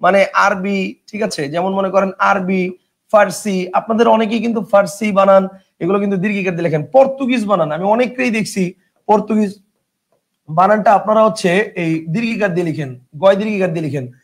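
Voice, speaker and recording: A man's voice: high-pitched, fairly quick, vocal fry. A man with a colloquial Bangladeshi Bengali accent teaching a grammar class online, repeating rules and checking that students understand. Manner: chatty, repetitive drilling, checks if students understand; reads out student questions from chat. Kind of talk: online exam-prep class.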